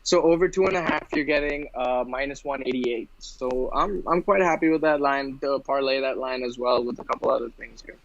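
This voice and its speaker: A man from India co-hosting a casual podcast chat about fight bets, talking in quick rambling runs full of restarts. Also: medium pitch, creaky, a bit bright, no room sound. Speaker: podcast co-host. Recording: dull, dry, lo-fi sound.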